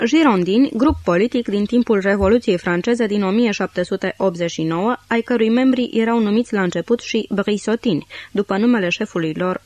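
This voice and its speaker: A woman narrating an audiobook, reading dictionary entries in a measured, dry manner and dropping her voice at the end of each note. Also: mid-range voice, a little mellow, dry recording.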